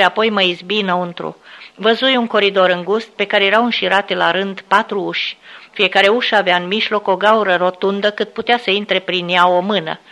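A woman reads a memoir aloud in a steady, solemn way. Her voice sits at a middle pitch and sounds bright and forward. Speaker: narrator.

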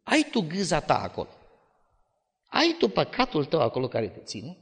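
Male preacher, lively storyteller, slightly high voice, long reverb from the church hall. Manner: animated storytelling with dramatic swings. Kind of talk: sermon.

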